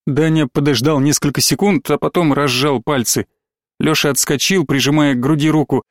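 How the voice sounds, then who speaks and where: Brief: male audiobook narrator, measured, slightly high voice. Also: fairly even intonation, no room sound, clean studio sound. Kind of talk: scripted narration.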